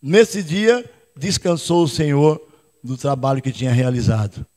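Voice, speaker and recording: A man with a Brazilian accent, a pastor preaching a lively sermon and calling on the congregation to answer, sometimes shouting, sometimes speaking quietly. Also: medium pitch, unhurried. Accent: Brazilian Portuguese. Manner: calls out to the congregation, prompts responses; switches between loud shouts and quiet asides. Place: church hall. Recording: long reverb of a church hall.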